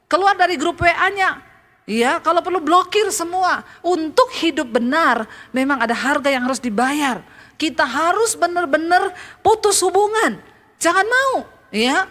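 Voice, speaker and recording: A woman pastor from Indonesia preaches in a high voice. Her delivery is animated and storytelling, swinging between high and low as she speaks. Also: unhurried. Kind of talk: sermon.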